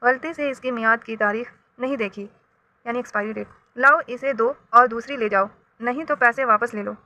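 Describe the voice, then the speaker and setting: A woman's voice: on the high side, moderate pace, bright, forceful tone. A woman voicing a brash middle-aged male shopkeeper in a read-aloud storybook, speaking in a raised voice.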